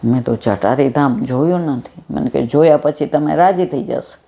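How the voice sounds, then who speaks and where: A woman's voice: very deep voice, normal speed, creaky, dark tone. An older woman giving a devotional satsang talk, telling anecdotes and acting out the dialogue. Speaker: satsang speaker.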